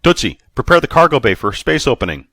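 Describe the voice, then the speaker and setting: A man voicing a desperate male spaceship captain who shouts demands at his crew. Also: fairly low pitch, lively intonation, brisk, dry recording, studio quality. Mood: urgent, shouting.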